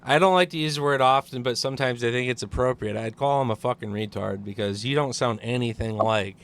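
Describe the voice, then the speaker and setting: A man's voice: medium pitch, a little fast, a bit bright. A man, co-hosting a podcast with rambling, blunt talk that is full of swearing. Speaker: podcast co-host. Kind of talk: casual chat.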